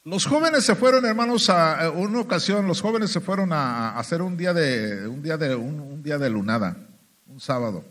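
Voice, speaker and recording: A Mexican man preaching in church with a bright, ringing, high voice. His pitch leaps up and down as he tells his testimony. He is emphatic and keeps turning to the congregation. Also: animated, moderate pace. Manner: emphatic, keeps addressing "hermanos". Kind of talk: sermon testimony.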